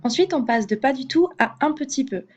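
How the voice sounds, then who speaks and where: A woman's voice: high voice, animated, brisk, slightly rough, highs cut off. A woman teaching an English grammar lesson in French, patient, with fillers and hesitations, repeating each example twice.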